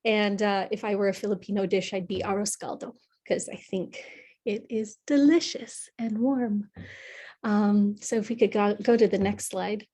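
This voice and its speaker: A young woman from California, a psychotherapist presenting an online workshop in an earnest, warm way, with many fillers and restarts. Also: medium pitch, fairly even intonation, moderate pace. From California, USA. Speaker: psychotherapist leading a wellness workshop. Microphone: video call.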